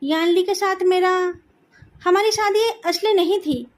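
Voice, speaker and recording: A woman voicing an earnest young man who calmly defends his love, in a fan story read aloud. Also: extremely high pitch, a little slow, pitched above the performer's own voice.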